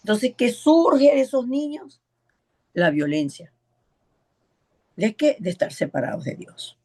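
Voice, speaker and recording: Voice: medium pitch, big pitch swings, unhurried, a little mellow. A preacher teaching an evangelism class in a sermon style, stressing points by repeating words and acting out the voices in a story.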